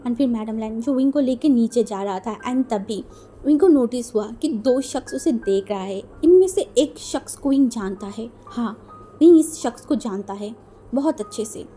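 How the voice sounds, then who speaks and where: A woman's voice: on the high side, expressive, normal speed, warm tone, soft background music. Chatty woman telling a story. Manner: chatty, mixing English words into Hindi. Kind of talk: casual narration of a fan story.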